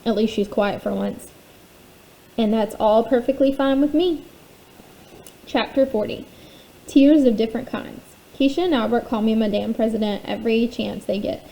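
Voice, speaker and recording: Female reader for a chapter-book reading, fairly high, mellow tone, steady storytelling. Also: moderate pace, gravelly, poor audio. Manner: steady first-person storytelling. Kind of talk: reading a children's novel aloud.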